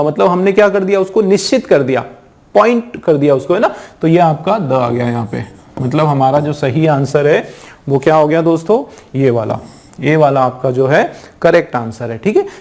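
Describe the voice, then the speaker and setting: A man's voice: fairly high pitch, a little mellow. Man teaching English grammar. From India. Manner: explains patiently, often asks students questions; reads English examples out slowly. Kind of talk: exam-prep English grammar lecture.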